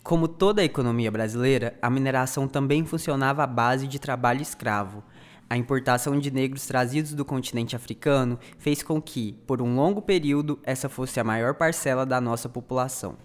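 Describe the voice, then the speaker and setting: A man narrating a history podcast from a script, clear and didactic, addressing the listener directly. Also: medium pitch, fairly quick.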